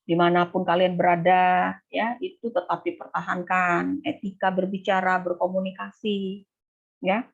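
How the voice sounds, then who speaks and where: Lively woman lecturer on a tinny call. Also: normal speed, creaky. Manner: animated, acts out student and lecturer quotes in a higher voice. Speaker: nursing lecturer and thesis coordinator. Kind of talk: online briefing to students. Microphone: video call. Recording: tinny phone-like online call audio.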